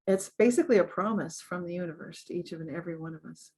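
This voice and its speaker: A woman guest in an interview, talking earnestly and upbeat, often laughing and growing animated as she gives advice. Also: lowish voice, fast. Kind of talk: conversational interview.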